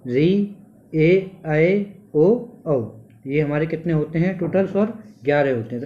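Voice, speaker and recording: A male teacher giving a classroom lecture, asking the class questions and then answering them himself. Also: fairly high pitch. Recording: dull lo-fi sound.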